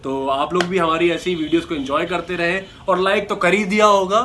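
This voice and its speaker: A man's voice: high voice, fairly even intonation, fairly quick, bright, forceful tone. A man hosting his channel's outro, chatty and upbeat, coaxing viewers to like and subscribe. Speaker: channel host and actor. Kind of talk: casual video outro.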